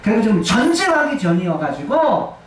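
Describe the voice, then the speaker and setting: A man voicing a troubled king who pleads that he is in deep distress. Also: sing-song, normal speed, a little hiss or hum. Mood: pleading. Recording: echoey church hall, distant mic.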